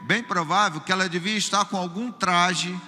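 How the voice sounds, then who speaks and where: A man's voice: sits high, normal speed, in a large hall, faint music behind. A man preaching a sermon with a Brazilian accent. As a pastor he tells humorous stories and keeps turning to the congregation as brother. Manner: lively, humorous storytelling, often addressing listeners as brother.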